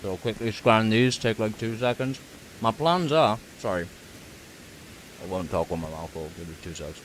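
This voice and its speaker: A man's voice: sits low, level tone, brisk, a little hiss or hum. A man streaming a video game, talking casually to his viewers in a chatty, easygoing way with apologetic asides. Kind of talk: casual live-stream chat while gaming.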